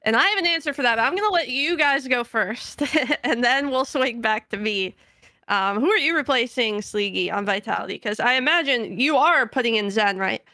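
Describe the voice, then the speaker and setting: A woman hosting a casual esports panel, playful and quick to laugh. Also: a little high, expressive, pushed and bright, no room sound. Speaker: host.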